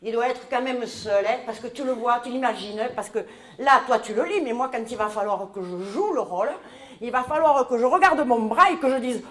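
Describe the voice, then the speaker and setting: Animated and fairly quick, a woman with a somewhat high, slightly bright voice plays a rambling, indignant mother from southern France in a live sketch. The character is a scheming, chatty newcomer of middle age with a southern French accent, and the recording carries the roomy echo of a large hall.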